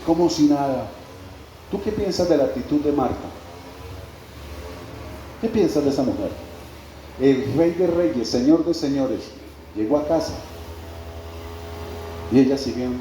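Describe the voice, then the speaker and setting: A man's voice: medium pitch, expressive, a little slow, long pauses, warm tone. A male pastor preaching a sermon in a church hall, repeating his phrases and putting pointed questions to the congregation. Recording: very echoey church hall, faint background noise.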